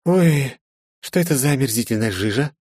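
A man's voice: mid-range voice, expressive, normal speed, a little mellow, husky, no echo, clean studio sound, voice pushed up. A man voicing a loyal female assistant in an audiobook, polite yet teasing and cheerful.

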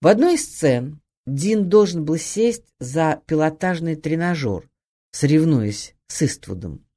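A woman giving an expressive, emphatic scripted narration of an acting guide, read as an audiobook. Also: sits low, a little slow. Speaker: audiobook reader.

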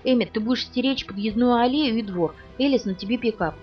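A woman's voice: a little high, a little fast, voice pushed up, lightly acted. A woman reading an audiobook, voicing a tense young man who protects and commands with clipped, insistent orders. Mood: urgent. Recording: dull distant audio with music behind.

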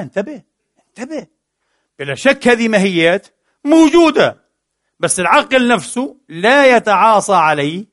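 A man's voice: sits high, fairly bright tone, no echo, clean studio sound. A man giving a philosophy lecture, asking questions and answering them himself, mixing formal with colloquial words. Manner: asks and answers his own questions.

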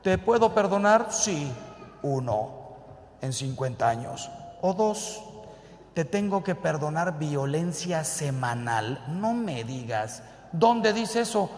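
A priest gives a sermon-style talk to a live audience, firing rhetorical questions and acting out both sides of everyday dialogues. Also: male voice, a little high, expressive, slow, slight background noise. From Mexico. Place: large hall with an audience. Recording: reverberant hall.

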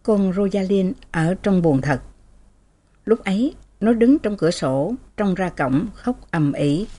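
A woman narrating a novel in an even, measured storytelling manner. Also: medium pitch. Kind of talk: reading a novel aloud.

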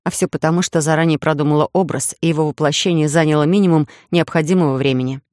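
Woman reading a romance audiobook, lively ironic tone, dead dry booth sound. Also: sits low, fast, no echo. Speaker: audiobook narrator. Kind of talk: scripted narration.

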